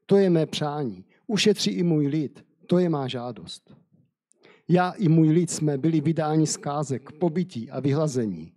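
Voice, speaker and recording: A man's voice: on the high side, mellow, lightly acted. A man voicing an ancient Persian queen who pleads before the king, in a scripture reading. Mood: pleading. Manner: read aloud with light emphasis.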